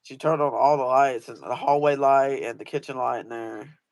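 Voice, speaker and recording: Man host, middle pitch, loose rambling delivery full of fillers, dry sound. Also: steady tone, normal speed, no echo. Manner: rambling, many fillers and restarts. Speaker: host asking guest questions. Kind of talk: casual storytelling chat.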